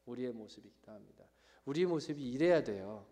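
A male pastor preaching a sermon in an animated, emphatic way. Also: mid-range voice, quick pace.

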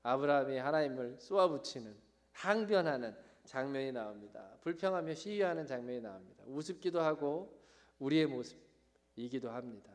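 A male pastor preaching a sermon in an animated, emphatic way. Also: medium pitch, moderate pace.

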